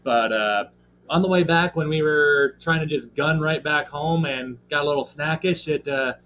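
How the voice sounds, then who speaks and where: A Midwestern American man with a fairly high, slightly scratchy voice hosts a casual livestream at a moderate pace. He rambles with lots of fillers and gives friendly shout-outs to viewers in the chat.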